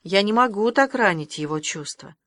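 Soft-spoken teen boy, read by a woman narrator, mid pitch, dry close sound. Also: expressive, normal speed, no echo, lightly acted. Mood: gentle. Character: shy teenage boy photographer.

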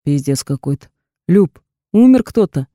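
A woman voicing a hot-tempered young man, a blunt, gruff boyfriend who shouts in anger. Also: fairly low pitch, very animated, a little slow, dry recording, studio quality. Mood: shocked.

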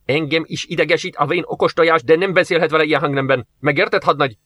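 A man's voice: a little high, fairly even intonation, no echo. A man as a curt first officer, commanding tone, dry studio sound. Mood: stern. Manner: sharp, commanding. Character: hot-tempered male first officer, curt.

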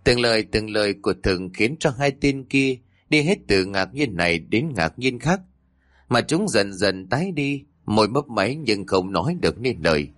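A man narrating a ghost story in an expressive, dramatic way. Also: fairly low pitch, normal speed, no room sound, clean studio sound.

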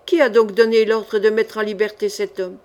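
A woman reader voicing a huge male jailer who speaks roughly and calmly. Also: medium pitch, moderate pace, lightly acted. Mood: stern. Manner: rough, hoarse and calm. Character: gruff hulking male jailer.

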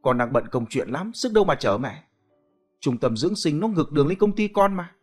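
A hurried businessman son who brushes things off briskly, as a male narrator plays him. His voice is fairly high and animated. He sounds impatient to leave. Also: faint music behind.

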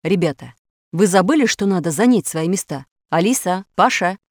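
A woman's voice: lowish voice, animated, normal speed, dry recording, clean studio sound. A woman voicing an older male professor who speaks in an earnest, reproachful way in a storybook reading. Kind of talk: audiobook character voice.

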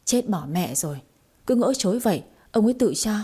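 A brash young woman fortune-teller from a storybook, chattering fast and cheekily, as a woman reader puts her on. Her voice is warm and a little husky. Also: medium pitch, animated. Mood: grumbling. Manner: brash, chattering, self-mocking.

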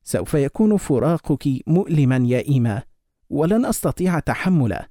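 A man's voice: fairly high pitch, very animated, a little fast, mellow, no room sound, studio quality. A man voicing a young man desperately in love, speaking in an earnest, pleading way.

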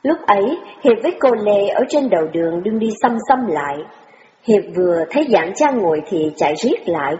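A woman narrating a story in a calm, measured way. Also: medium pitch, a little hiss or hum. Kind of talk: audiobook narration. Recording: echoey hall with a long reverb, lo-fi.

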